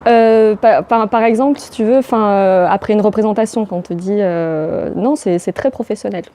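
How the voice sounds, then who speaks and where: A woman's voice: mid-range voice, normal speed, warm tone. A woman actress answering interview questions in a playful, rambling way, laughing often and hesitating with fillers.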